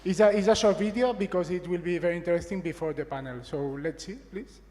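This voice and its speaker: Halting man speaking on a conference stage. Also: high-pitched, darkish tone, long reverb tail. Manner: halting, many restarts and fillers. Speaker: corporate speaker. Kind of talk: conference talk.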